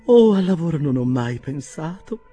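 A man's voice: a little high, animated, moderate pace, warm tone, slightly rough, soft background music, voice pushed up. A man reading an audiobook and voicing a flustered, gushing middle-aged landlady who speaks in a breathless, overwrought way. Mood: fluttering.

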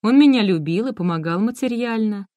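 A woman's voice: medium pitch, lively intonation, a little fast, mellow, dry recording, pitched above the performer's own voice, lightly acted. A woman reading the lines of a cold, condescending middle-aged woman who never wanted her children, in an audiobook. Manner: cool, dismissive, condescending.

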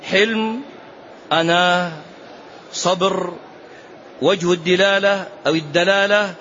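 Sheikh preaching a lesson, animated storyteller, faint hiss in the background. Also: male voice, high voice, a little slow. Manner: animated storytelling with urgent exhortations. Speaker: sheikh teaching a hadith book. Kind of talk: religious lesson. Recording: dull lo-fi recording, faint hiss.

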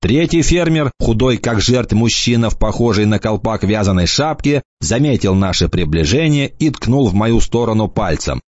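A man reading an audiobook in a lively storytelling manner. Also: fairly low pitch, moderate pace, few pauses, no echo. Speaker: audiobook narrator. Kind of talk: scripted narration. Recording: dull lo-fi dry recording.

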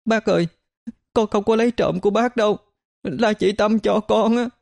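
A man's voice: high voice, normal speed, vocal fry, darkish tone, pitched above the performer's own voice. A man doing a frightened little girl pleading. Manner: pleading, tearful.

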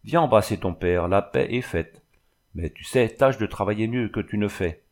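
A man voicing a kindly, gently firm village priest who coaxes and scolds like a father, in a storybook reading. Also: fairly low pitch, moderate pace, natural voice. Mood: persuading. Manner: coaxing, paternal scolding.

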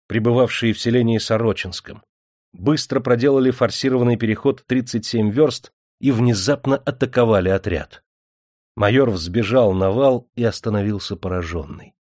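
A man narrating an audiobook in a steady, even storytelling manner. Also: fairly low pitch, no room sound, studio quality. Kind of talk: scripted narration.

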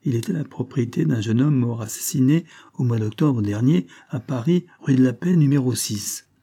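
A man's voice: mid-range voice, normal speed, dark tone, husky. A man reading a curious police agent. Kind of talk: audiobook reading of a novel.

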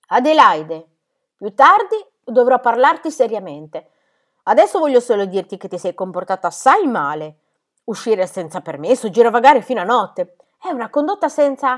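A woman's voice: fairly high pitch, big pitch swings, normal speed, fairly bright tone, pitched above the performer's own voice. A woman voicing a strict, furious governess who shrieks in outrage. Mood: icy threat.

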